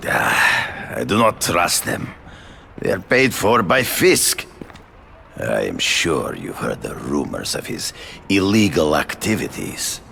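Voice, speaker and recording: An actor playing a proud, self-righteous big-game hunter in a video game, with a gravelly voice and hammy, theatrical, formal delivery. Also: male voice, low voice, very animated, takes it slowly, pushed and bright, slight background noise, exaggerated voice. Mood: righteous, disdainful.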